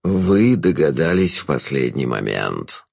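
Audiobook villain: a hushed, mocking jester with a low, slow delivery, read by a man. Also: very animated, vocal fry, dry recording, exaggerated voice. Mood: sly, mocking. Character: scheming sly male jester villain, mocking.

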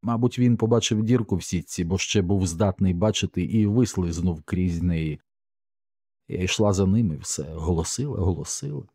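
A man narrating a horror audiobook in a measured, somber way. His voice sits very low with a dark, mellow tone. The recording is close and completely dry. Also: dry recording.

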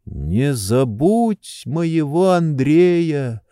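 A weary, gentle nobleman begs in a soft, imploring tone, as a man reading aloud puts him on. His voice rises higher and sits slow and dark, close and dry to the ear. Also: sing-song, clean tone, no echo. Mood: quiet. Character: weary, gentle nobleman pleading to be left alone.

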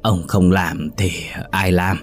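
A man plays a grumpy old drunk, exasperated and complaining in a deep voice in a spoken ghost story, with faint music under it. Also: flat delivery, takes it slowly.

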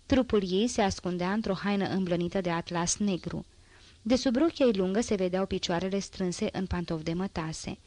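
A woman narrating a novel as an audiobook, reading in a steady, even way. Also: mid-range voice, no room sound.

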